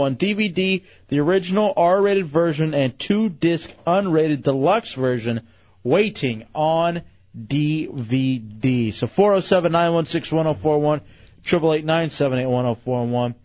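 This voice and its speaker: A man's voice: on the high side, normal speed, darkish tone, dry recording. A man hosting a radio show, doing an informal, conversational contest promo, reading out prizes and phone numbers. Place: radio studio. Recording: slightly muffled radio broadcast over music. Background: music bed.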